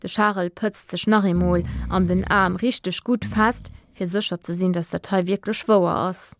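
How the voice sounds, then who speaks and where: A woman reading a children's story aloud with lively, expressive narration. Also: lowish voice, normal speed, no room sound.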